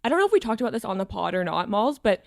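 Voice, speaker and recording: A woman's voice: medium pitch, very animated, racing, creaky, a little mellow, no echo, clean studio sound. Woman in her twenties, rambling casual talk. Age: 20s. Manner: rambling, heavy "like" fillers, self-reflective. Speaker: podcast co-host. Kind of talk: casual chat.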